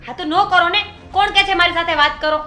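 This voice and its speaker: A woman playing a high, sharp-tongued young sister-in-law. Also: fairly even intonation, quick pace, roomy sound. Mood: indignant. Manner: retorting, indignant.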